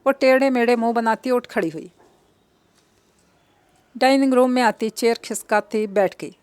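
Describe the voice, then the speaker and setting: A woman's voice: fairly high pitch, dry recording. Woman reading a romance novel aloud. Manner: steady storytelling delivery. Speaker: narrator.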